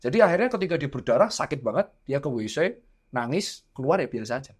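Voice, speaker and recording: A man in his thirties telling stories in a casual podcast chat, animated and acting out quoted dialogue as a guest doctor and father. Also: medium pitch, fast talker, breathy edge.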